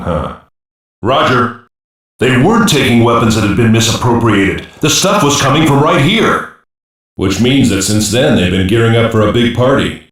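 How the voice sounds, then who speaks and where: The gruff special-ops cyborg soldier of an anime English dub trades in blunt, slangy wisecracks with a sardonic bite. His voice is low yet fairly bright in tone, and the recording is heavily echoed and far from the mic.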